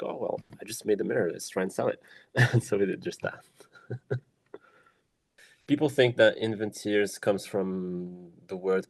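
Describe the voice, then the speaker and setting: A young man from Morocco, a woodworker, speaking thoughtfully in a documentary interview, with many pauses, fillers and restarts. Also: sits low, creaky, no echo. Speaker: woodworker and small business founder.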